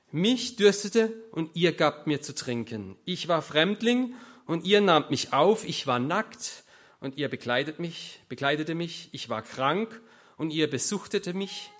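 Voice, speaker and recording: A man's voice: fairly high pitch, very animated, fairly bright tone, exaggerated voice. A preacher voicing a solemn biblical king. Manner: measured, biblical recitation. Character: solemn male king judging the world.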